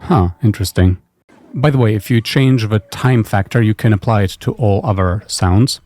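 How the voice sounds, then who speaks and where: A software developer presents his own tool in a casual screencast tutorial, informal and understated as he thinks aloud. His voice is lowish and darkish at normal speed, with faint music and noticeable background noise in the recording.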